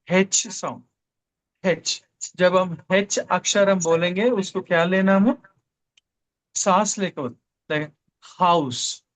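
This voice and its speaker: A man's voice: sits high, fairly bright tone, poor audio. A man teaching a Greek class in a classroom, explaining step by step and repeating the key words. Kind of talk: classroom lecture. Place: classroom with a board.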